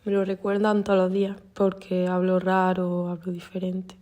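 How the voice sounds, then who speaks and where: A woman from Andalusia with an Andalusian accent, giving a calm, thoughtful personal testimony. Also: fairly low pitch, moderate pace. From Andalusia, Spain.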